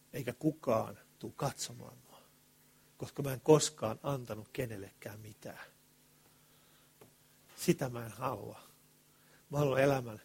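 With a mid-range, slightly rough voice and some vocal fry, a man preaches colloquially to his congregation. He shifts between hushed asides and loud, passionate bursts, peppering them with rhetorical questions.

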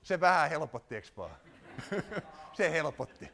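A man preaching a sermon, animated, putting rhetorical questions to his congregation. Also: a little high, creaky.

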